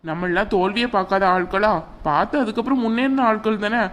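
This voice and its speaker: A firm, caring cartoon uncle, voiced by a woman, at a middle pitch. He reassures others but holds his ground. Faint background noise is heard. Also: brisk, natural voice.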